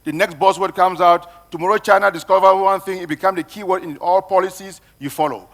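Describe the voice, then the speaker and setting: A man's voice: high voice, fairly even intonation, a little fast, fairly bright tone. A man from Cameroon moderating a panel discussion, speaking emphatically and repeating phrases for effect.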